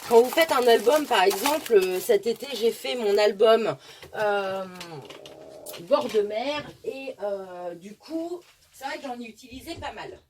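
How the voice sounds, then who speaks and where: A woman's voice: fairly high pitch, animated, measured pace, slight background noise. A woman hosting a casual craft tutorial, explaining step by step in a chatty way with many asides. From France.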